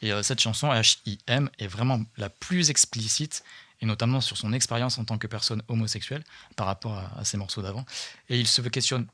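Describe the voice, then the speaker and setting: A man hosting a casual radio talk show in a small studio, speaking with hesitant fillers and slowing down when reading lyrics aloud. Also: lowish voice, sharp tone, no room sound. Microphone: studio microphone.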